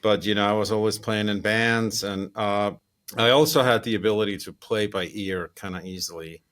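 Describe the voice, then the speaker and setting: A man in his fifties from Iceland, a composer chatting relaxed in an interview, laughing easily, with many fillers. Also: on the low side, moderate pace. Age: 50s. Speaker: composer, guest. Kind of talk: casual interview chat.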